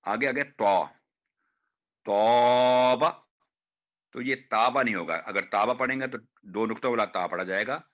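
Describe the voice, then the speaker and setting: A man teaching Quran recitation, demonstrating hard words slowly and repeating each one. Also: fairly low pitch, bright, forceful tone. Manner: slow, drawn-out demonstration of each word, repeated. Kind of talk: online pronunciation class.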